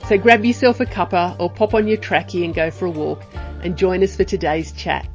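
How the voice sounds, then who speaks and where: A woman's voice: fairly low pitch, fairly even intonation, brisk, soft background music. A woman, hosting a podcast in an enthusiastic, bubbly chat. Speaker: podcast host. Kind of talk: casual interview chat.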